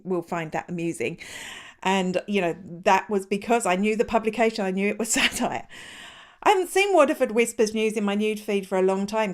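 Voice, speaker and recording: A middle-aged woman hosting a live news show for small businesses, chatty and quick to laugh as she talks straight to her viewers. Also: on the high side. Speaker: host.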